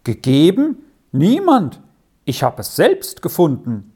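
A woman's voice: sits low, wildly swooping pitch, slow pace, dark tone, slightly rough, voice pushed up, full character voice. A woman voicing a cocky, scheming young herd boy in a storybook reading, talking in a brash, coaxing, sly way.

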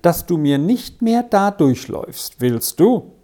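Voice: mid-range voice, sing-song, takes it slowly, warm tone, pitched above the performer's own voice. A storybook reader voicing Marianne, a caring woman who warns a child insistently. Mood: stern. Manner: warning, insistent.

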